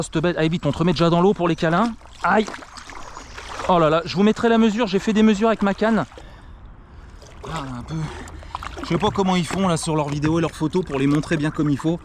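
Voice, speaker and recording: Excitable man filming himself from a kayak. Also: sits high, slight background noise. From France. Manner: excitable, exclaims constantly, talks to the camera and the fish. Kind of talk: excited vlog commentary. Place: on a kayak on a river, outdoors. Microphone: action camera.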